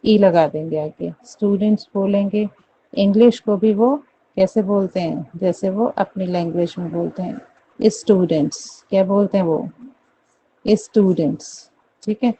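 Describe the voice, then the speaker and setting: A woman from India teaching English pronunciation, slowly repeating each word and checking in with her students again and again. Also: medium pitch, dark tone, poor audio. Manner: repeats words slowly, checks in with "theek hai?". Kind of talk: classroom pronunciation lesson.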